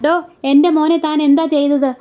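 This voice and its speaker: Woman doing an angry old dad, bitter and accusing, high voice, story recap. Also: flat delivery, brisk, mellow, lightly acted. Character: angry older father of a missing son.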